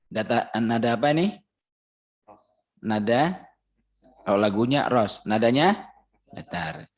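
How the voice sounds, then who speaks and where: A man's voice: medium pitch, expressive, slow, creaky, breathy edge. A man with a Banjar Indonesian accent teaching a Ramadan Quran recitation class. He patiently chants verses as examples and quizzes his students.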